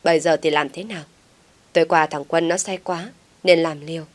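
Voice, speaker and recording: A woman's voice: low-pitched, steady tone, normal speed, close to an everyday voice. A woman voicing a scheming older uncle who feigns concern and scolds. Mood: scolding. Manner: scolding, sly.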